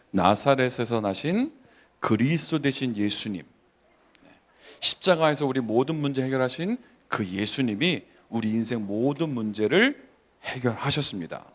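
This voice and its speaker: A man in his forties, a pastor delivering a sermon, asking the congregation questions, acting out little scenes and reading scripture slowly. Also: medium pitch. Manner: animated preaching with rhetorical questions and acted asides; slow, measured scripture reading.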